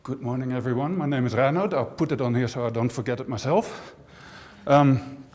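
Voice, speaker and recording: A man from the Netherlands gives a talk to a room full of people, chatty and wry, and he keeps checking in with the crowd. His voice sits at an ordinary pitch. A long reverb from the large auditorium trails behind every phrase. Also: fairly quick. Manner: lively, conversational, with dry jokes and frequent "right?". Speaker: university professor and speaker. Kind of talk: conference talk to an audience.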